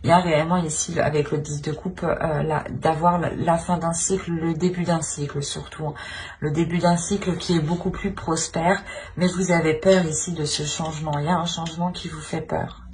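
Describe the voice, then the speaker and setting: Speaking at a moderate pace in a low, steady, slightly mellow voice, a woman reads tarot for her channel's viewers without a script. She sounds hesitant and searching, circling back to repeat and rephrase lines. Clear background noise runs underneath.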